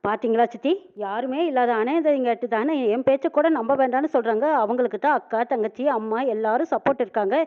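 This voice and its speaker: A scheming young wife whines and pleads, piling up complaints at a quick clip, as a woman narrator puts her on. Her high voice comes through a thin, phone-like line. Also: close to an everyday voice. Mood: pleading. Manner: whining, self-pitying appeals.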